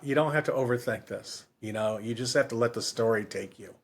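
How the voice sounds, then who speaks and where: A brisk, medium-pitched man co-hosts an unscripted book podcast, speaking casually and spontaneously. He meanders, repeats phrases, and keeps revising what he says.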